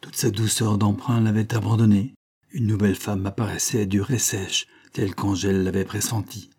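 A man reading a novel aloud as narrator, measured and expressive. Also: lowish voice, husky. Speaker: audiobook reader.

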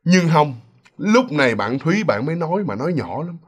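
A man's voice: a little high, very animated, fairly quick, breathy edge. A man narrating a ghost story in a chatty way, talking straight to his listeners. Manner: chatty, addresses listeners directly. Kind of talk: casual storytelling.

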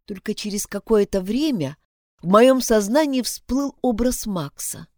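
A woman reading a first-person story aloud, with expressive storytelling. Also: medium pitch, measured pace, no echo, clean studio sound. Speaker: narrator. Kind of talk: first-person audiobook narration.

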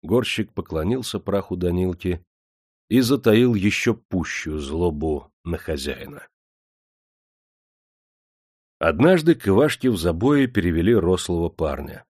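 A man narrating an audiobook in a steady, measured storytelling manner. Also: sits low, breathy edge, no echo, clean studio sound. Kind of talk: scripted narration.

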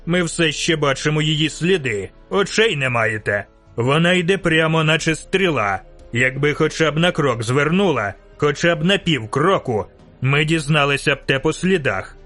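A man's voice: a little high, expressive, moderate pace, a bit bright, soft background music. A man voicing a tired, dogged male mercenary leader who gives insistent, clipped orders in an audiobook.

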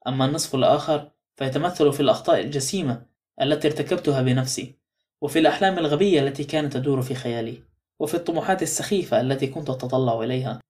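A man narrating a novel in the first person as an audiobook, in a steady storytelling manner. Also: on the high side.

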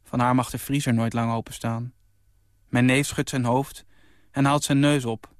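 A man in his twenties reading his own short story aloud on radio, in a calm and even storytelling voice. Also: medium pitch, moderate pace, dry recording, clean studio sound. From Netherlands. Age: 20s.

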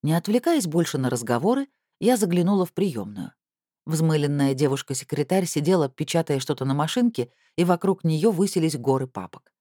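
A woman narrating a first-person story in a lively, wry storytelling manner. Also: deep voice, a little fast, no echo, clean studio sound.

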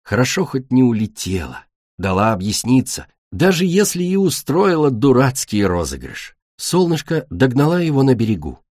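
A man reading a children's fantasy audiobook in an expressive manner. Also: medium pitch, normal speed, dry recording, studio quality. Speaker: audiobook narrator.

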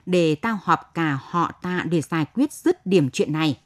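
A woman's voice: lowish voice, expressive, unhurried. A middle-aged village official, voiced by a woman reading a story settles matters in a curt, decisive tone. He speaks plainly and briefly, like someone used to being obeyed.

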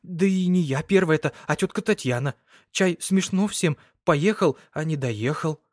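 A man's voice: a little high, moderate pace, darkish tone, no room sound, studio quality, close to an everyday voice. A man voicing an artless, simple-hearted young peasant girl in a raised voice.

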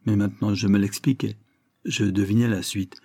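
A man reading a classic novel aloud in measured first-person narration. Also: on the low side, fairly even intonation, mellow. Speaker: audiobook reader.

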